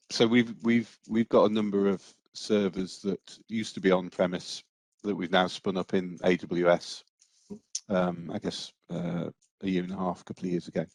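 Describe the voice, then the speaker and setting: A man who leads an analytics team, talking informally in a meeting with frequent halting pauses. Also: low-pitched, creaky, no echo.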